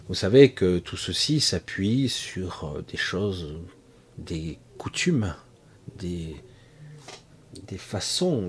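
A Frenchman delivers a casual, rambling monologue about energy healing, speaking straight to his listeners in a conversational way, full of asides and restarts. His voice is lowish and slightly rough.

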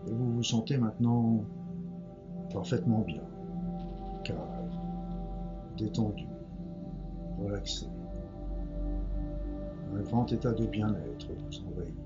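A man leading a guided relaxation like a sleep story narrator, speaking gently and slowly in a hushed delivery with long pauses. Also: on the low side. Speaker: guided meditation leader. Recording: dull lo-fi sound with music behind. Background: meditation music.

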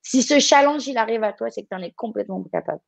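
A woman's voice: fairly high pitch, expressive, fast, gravelly, dry recording. A woman from France coaching someone live, speaking directly and encouragingly with frequent restarts.

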